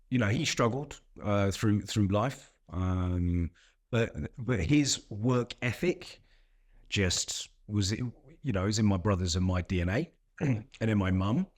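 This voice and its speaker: Middle-aged guy on a podcast, kinda low voice, chatty and reflective. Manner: reflective, storytelling. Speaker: podcast guest, coach. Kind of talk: casual interview conversation.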